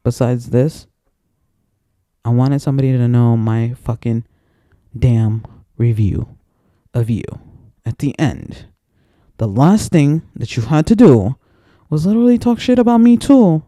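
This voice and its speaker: A man's voice: medium pitch, expressive, measured pace, long pauses, dark tone, no room sound, clean studio sound. A man in an angry, profane, rambling personal rant to camera, repeating himself as he gets worked up. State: emotionally worked up.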